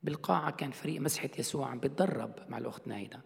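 A man's voice: mid-range voice, racing, gravelly. A middle-aged man, preaching a sermon as a pastor in a conversational way, asking rhetorical questions. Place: church hall. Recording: long hall reverb.

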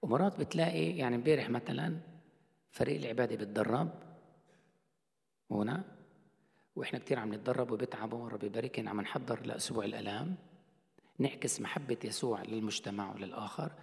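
Gravelly male preacher in a reverberant hall. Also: on the low side, fast, pauses often. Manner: conversational preaching, rhetorical questions. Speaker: pastor. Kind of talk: sermon. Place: church hall.

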